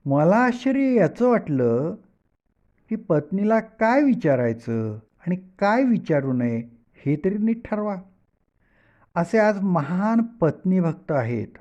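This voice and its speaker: Male devotional storyteller. Dramatic, animated telling, warm and fairly high, muffled lo-fi recording. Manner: lively, dramatic, with asides to listeners. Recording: dull lo-fi recording.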